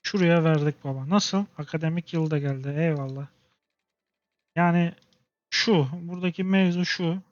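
A young man with a slightly high voice mutters and rants through his gameplay and keeps getting exasperated at it. The sound is dry and close, with a dull, muffled top end. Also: normal speed, no room sound. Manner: exasperated, talks to himself and the game with slangy outbursts. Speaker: gaming channel host. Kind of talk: casual gameplay commentary.

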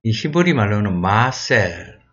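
Slow-talking man tutoring from a Bible exam. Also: fairly low pitch, very animated, a bit bright, muffled recording. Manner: reads verses aloud, then sounds out English words slowly. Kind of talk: Bible exam review lesson.

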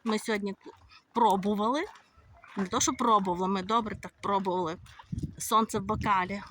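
A woman's voice: medium pitch, steady tone, brisk, a bit bright, a little hiss or hum. A woman from Ukraine chatting casually as she walks outdoors through resort streets, filming on a handheld phone. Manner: chatty, conversational, with fillers. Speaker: vlogger. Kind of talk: casual walking tour vlog.

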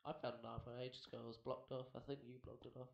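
Man, monotone gamer chat, sudden yelps, echoey room. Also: medium pitch, fast, gravelly, muffled recording. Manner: dry, self-described monotone, with sudden yelps. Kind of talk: casual gameplay chat. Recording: roomy home recording, faint hiss.

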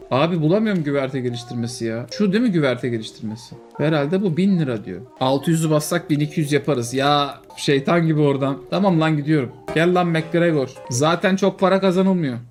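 A man with a voice sitting a little high for a man talks through a game in a loose, casual way. He jokes, exclaims and swears freely as things go wrong, with faint music playing under him. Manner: excitable, joking, quick to exclaim and swear. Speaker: streamer. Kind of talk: casual gameplay commentary.

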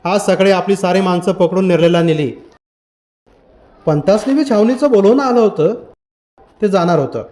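A man's voice: sits high, normal speed, pauses often, darkish tone, natural voice. A man voicing an upset village messenger who speaks in rustic dialect with urgency. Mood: urgent, upset.

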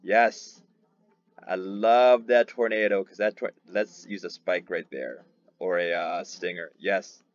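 A man's voice: low voice, slow, highs cut off. A man hosting his own gaming channel, commenting on his gameplay with eager energy and repeating words when thrilled. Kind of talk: excited game commentary.

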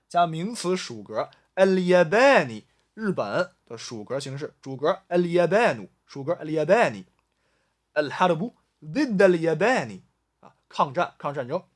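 A man teaching a vocabulary lesson, drilling each word slowly and repeating it several times, with frequent drawn-out "ah" fillers. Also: a little high. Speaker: Arabic language teacher.

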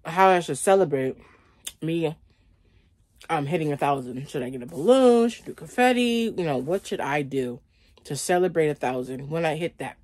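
A woman's voice: deep voice, normal speed, darkish tone, dry recording. A woman in her thirties chatting casually to viewers as a vlogger, chewing and eating while she talks and often saying "like". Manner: conversational, frequent "like" as a verbal habit. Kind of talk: casual mukbang chat to viewers. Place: small indoor bedroom.

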